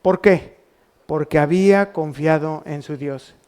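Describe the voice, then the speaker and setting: A man's voice: a little high, a little slow, darkish tone, clear, resonant tone. A man with a Mexican Spanish accent preaching a sermon as pastor, asking the congregation rhetorical questions. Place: church.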